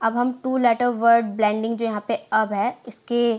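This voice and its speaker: A woman, teaching a phonics lesson and slowly sounding out letters before blending them into words. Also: a little high, little pitch movement, a little mellow. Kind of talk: slow phonics drill.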